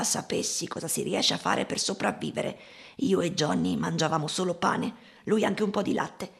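A woman reading as a gravelly, sorrowful old woman. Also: fairly low pitch. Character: poor old woman recalling hard times. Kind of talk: audiobook reading.

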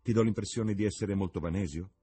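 A man's voice: on the low side, fast talker, dark tone, husky, pitched above the performer's own voice. A man reading the part of a witty, cynical young English lord, with a languid, ironic delivery.

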